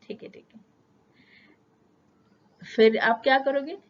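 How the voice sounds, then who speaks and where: Slow-speaking woman teaching spoken English. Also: high voice. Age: middle-aged. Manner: explains patiently with everyday examples, slowing down on English sentences. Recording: dull lo-fi sound.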